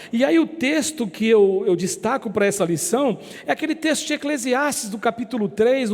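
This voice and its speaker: A man preaching a sermon as pastor, telling a story slowly and repeating words for emphasis. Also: sits high, darkish tone, big-room sound. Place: church.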